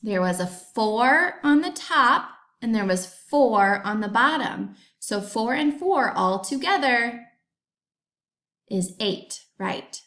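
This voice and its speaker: Kindergarten teacher, female, higher voice, unhurried and deliberate delivery for small kids. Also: expressive, fairly bright tone. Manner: slow, deliberate, sounding out words for young children. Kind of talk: remote classroom lesson.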